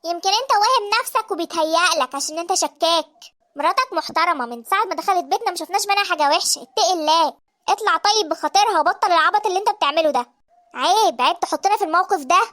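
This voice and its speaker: A caring but firm older mother-in-law with an Egyptian accent, voiced by a woman for an animated story. Her voice is pitched very high and rushes quickly. She sounds motherly and scolding. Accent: Egyptian Arabic.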